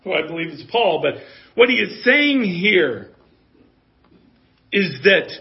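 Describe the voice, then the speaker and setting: A man in his fifties delivers a sermon with earnest, conversational conviction. His voice sits high for a man. The audio is dull and lo-fi. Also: sing-song, slow pace, gravelly. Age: 50s. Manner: earnest, conversational preaching with rising emphasis. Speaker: preacher.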